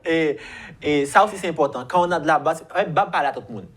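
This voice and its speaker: A man in his thirties, a guest chatting about grooming in a halting way with many restarts. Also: on the high side. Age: 30s. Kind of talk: casual chat.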